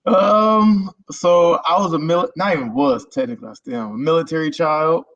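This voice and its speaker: A content creator from Germany joins a video call as a guest, talking casually and ramblingly about himself. His voice sits on the high side, fairly bright, at normal speed, with no room sound in the dull lo-fi stream audio.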